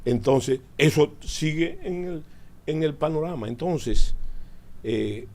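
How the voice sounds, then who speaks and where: A man's voice: a little high, expressive, slow pace, darkish tone. An older man with a Dominican Caribbean Spanish accent giving political and military commentary, teaching emphatically with repeated phrases and rhetorical questions. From Dominican Republic. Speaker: military analyst, studio guest.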